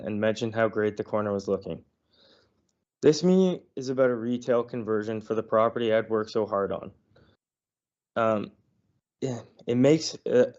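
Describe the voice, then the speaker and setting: A man who is feeling unwell, reading a prepared statement to a council committee in an earnest, slightly halting way over a remote call. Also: mid-range voice, a little mellow. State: unwell, under the weather. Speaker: property owner presenting to council. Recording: dull lo-fi online audio.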